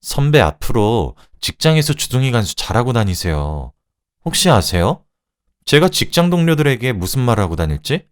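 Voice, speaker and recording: A man voicing a sharp-tongued young wife who coldly mocks her rival, his voice raised in pitch. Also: big pitch swings, normal speed. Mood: icy mocking. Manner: cold, cutting, mocking.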